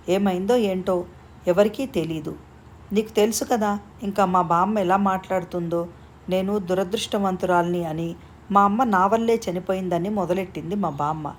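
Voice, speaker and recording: A woman's voice: medium pitch, slight background noise, natural voice. A woman reading the lines of a flustered young bride who scolds and teases her friend. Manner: teasing, scolding.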